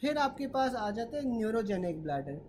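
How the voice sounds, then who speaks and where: A woman leads an online medical class, explaining each point step by step and checking in with her students. Her voice sits a little high. A faint hiss runs under the recording. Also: big pitch swings, normal speed, darkish tone, rough recording. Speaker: medical tutor.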